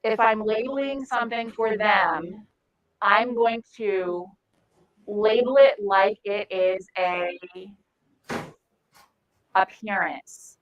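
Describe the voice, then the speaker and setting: A woman's voice: mid-range voice, takes it slowly, long pauses, dull audio. A woman giving a volunteer training talk, blunt and profane, acting out example phrases.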